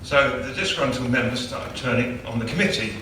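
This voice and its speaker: A man's voice: mid-range voice, brisk, bright, forceful tone, slight background noise. A man, a club chairman, gives a chatty, joking after-dinner award speech. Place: large banquet hall. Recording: echoey hall, distant mic.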